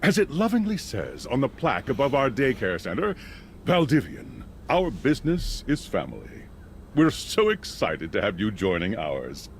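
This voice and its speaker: An actor playing a glib, upbeat corporate welcome announcer reading scripted narration for a game. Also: male voice, medium pitch, huge pitch swings, normal speed, a little hiss or hum.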